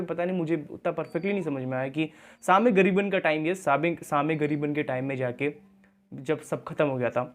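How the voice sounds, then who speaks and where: A young man hosting a reaction video, explaining things in casual commentary and mixing English words into his talk. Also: fairly high pitch. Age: young adult.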